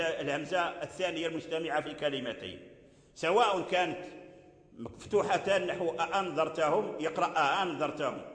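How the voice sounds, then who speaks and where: A man's voice: sits high, fairly bright tone. A man, teaching Quran recitation and explaining verse by verse while repeating example words. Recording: echoey hall.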